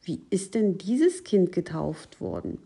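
A woman voicing a naive, good-hearted little female mouse in a read-aloud fairy tale, pitching her voice higher and speaking more emphatically than in her narration. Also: huge pitch swings, takes it slowly, gravelly, mellow, husky, exaggerated voice. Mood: puzzled.

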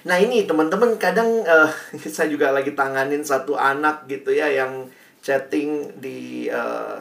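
Lively man speaking from far off. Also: on the high side, vocal fry. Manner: lively, slips English phrases into his talk. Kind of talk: speaking to a group. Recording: echoey, mic far away.

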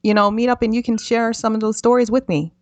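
A woman's voice: on the high side, flat delivery, fast, no echo. A woman hosting a podcast interview, chatting in a playful, self-deprecating way. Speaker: podcast host. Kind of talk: casual interview chat.

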